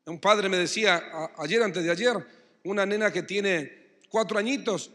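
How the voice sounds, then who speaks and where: A man's voice: sits high, unhurried, fairly bright tone, in a large hall. A man preaching a sermon as pastor with an Argentine Spanish accent, acting out quotes and building emphasis. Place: church hall.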